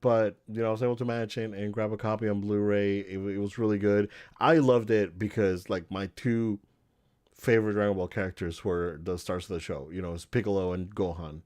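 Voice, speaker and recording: A man's voice: on the low side, fairly even intonation, fairly quick, a little mellow. A man co-hosting a podcast, chatting casually and enthusiastically about movies, with many restarts and fillers. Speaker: podcast co-host.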